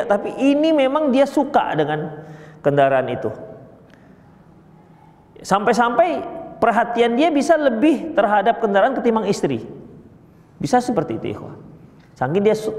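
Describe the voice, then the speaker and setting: A man preaching a sermon to a group of brothers, lively and joking as he explains a verse. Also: sits high. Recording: echoey hall.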